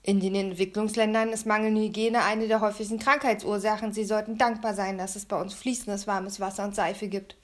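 A woman's voice: medium pitch, level tone, fairly quick, few pauses, close to an everyday voice. A woman voicing a small, clever, pedantic boy who lectures and shrieks when upset. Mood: indignant.

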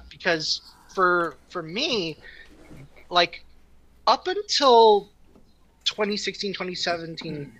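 Thirties woman on a podcast, slow and bright, swears a lot, lots of um and like. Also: deep voice, poor audio. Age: 30s. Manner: loose, profane storytelling with many fillers. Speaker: podcast co-host and writer. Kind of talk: casual podcast chat.

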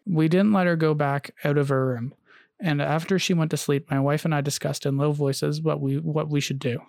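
A man's voice: on the high side, fairly even intonation, normal speed, vocal fry, darkish tone, no echo, studio quality. A man hosting a casual podcast, telling a story with frequent "uh"s and restarts and reading long quotes aloud. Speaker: podcast host.

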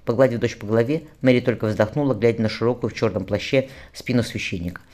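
A man's voice: mid-range voice, fast talker, darkish tone. A man narrating an audiobook fluently, now and then correcting a slip. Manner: fluent, occasional self-corrections.

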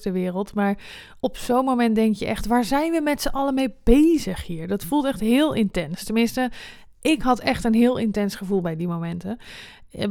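A woman's voice: medium pitch, gravelly, a little mellow, dry recording, studio quality. A woman in her twenties hosting a personal podcast, speaking candidly and swearing freely. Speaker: podcast host.

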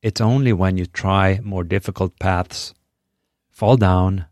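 Speaking English as a second language with a Swedish accent, a middle-aged podcast host from Sweden reads a scripted monologue in an earnest, measured, encouraging way. His voice sits low, a little mellow and steady in tone. The recording is dry and of studio quality.

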